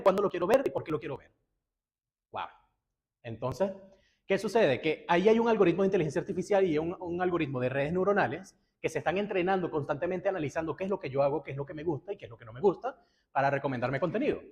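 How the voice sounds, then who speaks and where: A man's voice: sits high, lively intonation, fast, darkish tone. A young man giving a conference talk to a live audience, telling it like a story and acting out his own reactions. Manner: casual storytelling with acted-out reactions. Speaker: guest lecturer.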